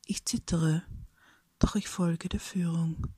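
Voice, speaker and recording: A woman reading a reflective personal story aloud in a soft, breathy whisper, slowly and thoughtfully. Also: fairly low pitch, fairly even intonation, no echo.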